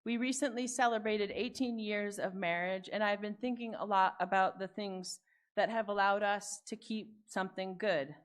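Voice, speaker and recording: A woman pastor in her forties preaches from a pulpit microphone in a church. She moves between thoughtful, measured reflection and chatty personal stories told to her congregation. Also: mid-range voice, steady tone. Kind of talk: sermon. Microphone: speaking at a pulpit microphone.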